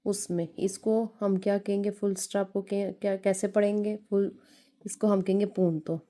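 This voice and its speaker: A woman's voice: medium pitch, flat delivery, moderate pace, dark tone. A woman teaching a beginner Italian lesson, spelling out and repeating words. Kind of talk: slow language lesson.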